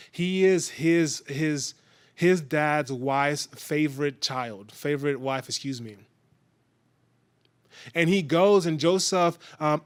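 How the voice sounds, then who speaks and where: A young man giving a sermon as a casual, conversational story, with frequent hesitations. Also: fairly high pitch. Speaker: preacher.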